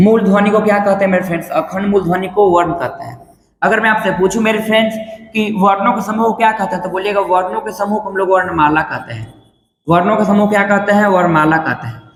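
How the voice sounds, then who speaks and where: A man's voice: high voice, fairly bright tone. A man teaching a grammar lesson online, asking questions and repeating the answers for his students. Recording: echoey room with long reverb.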